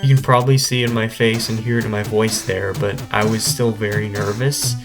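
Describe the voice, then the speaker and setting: A man's voice: fairly low pitch, level tone, a little fast, creaky. A man vlogging, casually telling a personal story to camera in a conversational way. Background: instrumental music.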